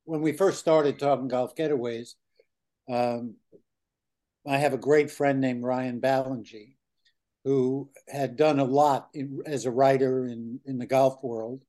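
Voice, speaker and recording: An older man co-hosting a podcast, his voice at a middling pitch. He talks in an earnest, reflective way, pausing on fillers as he works through his thoughts. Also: steady tone, dark tone. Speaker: podcast co-host. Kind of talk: casual chat.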